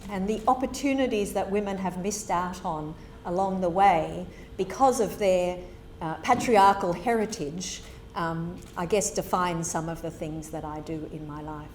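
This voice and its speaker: A woman's voice: mid-range voice, measured pace, a little mellow, slight background noise. A middle-aged woman from Zimbabwe giving a public lecture as a guest speaker, telling her story in a candid, conversational way. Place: lecture hall. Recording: roomy hall with faint ambience.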